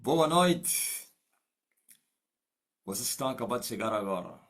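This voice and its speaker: Lively preacher on a video call. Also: male voice, medium pitch, moderate pace. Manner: teasing, laughs often between remarks. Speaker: apostle leading an online service. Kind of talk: casual chat with congregation before a sermon.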